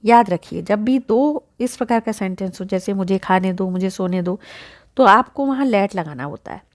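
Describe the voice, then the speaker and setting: A woman's voice: mid-range voice, lively intonation, moderate pace. A woman teaching an English lesson, explaining step by step and asking the learner questions.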